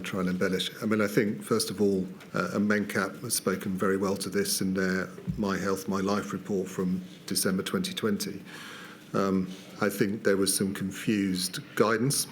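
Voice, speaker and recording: A man's voice: low-pitched, flat delivery, normal speed, slight background noise. Hesitant British man giving testimony. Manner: hesitant, many fillers and restarts. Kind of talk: formal inquiry testimony.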